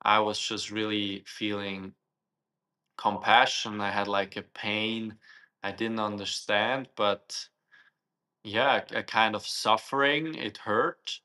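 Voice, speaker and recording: A man's voice: lowish voice, steady tone, slow pace, pushed and bright. A young man from Switzerland, a guest answering interview questions thoughtfully and searching for his words.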